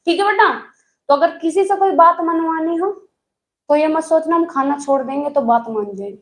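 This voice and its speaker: A woman's voice: extremely high pitch, normal speed, roomy sound. A young woman teaching an online exam-prep class in a chatty way, calling her students children and telling stories from her own life.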